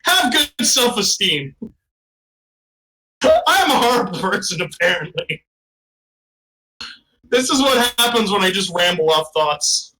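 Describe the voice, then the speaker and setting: A high-pitched man in his thirties with a sharp, bright tone. He rambles through half-formed jokes in loose podcast banter and pokes fun at himself as he goes. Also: very animated, slow pace, pauses often, low-quality recording. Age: 30s. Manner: rambling, joking, self-mocking. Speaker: podcast co-host. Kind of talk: casual comedic banter.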